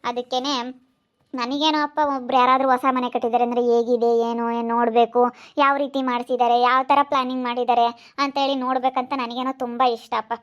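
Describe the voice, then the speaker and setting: A woman's voice: on the high side, little pitch movement, quick pace, highs cut off. A woman vlogger with a rural Karnataka Kannada accent, chatting to viewers and repeatedly pleading for their support. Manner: pleading, repeats requests to subscribe.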